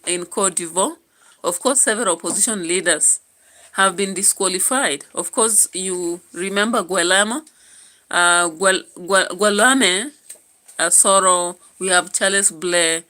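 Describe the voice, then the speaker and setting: A Kenyan woman runs a YouTube channel where she offers casual political commentary, thinking out loud and leaning on lots of fillers. Her voice is fairly low, with a pushed, bright quality.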